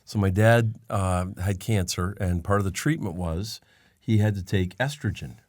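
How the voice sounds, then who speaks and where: A man co-hosting a casual podcast chat, telling stories with lively quotes of other people. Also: low voice, moderate pace, no echo, clean studio sound. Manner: storytelling, animated when quoting others. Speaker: podcast co-host. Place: lives in Canada.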